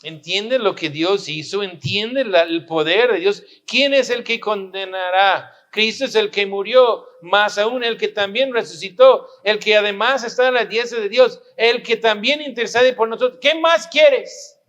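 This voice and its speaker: A man's voice: high voice, measured pace, hardly any pauses, a bit bright, dull audio. A pastor preaching a sermon, pressing his listeners with rhetorical questions and repeating his points for emphasis.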